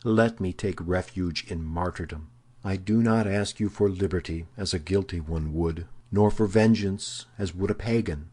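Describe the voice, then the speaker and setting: A man's voice: moderate pace, darkish tone, husky. A man reading the part of a cunning captive noblewoman who pleads theatrically. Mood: pleading. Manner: imploring, theatrical rises in pitch.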